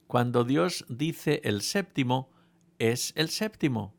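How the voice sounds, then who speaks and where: A man preaching a sermon, telling a humorous story to his congregation in a playful, animated way with frequent restarts. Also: medium pitch, slow, vocal fry.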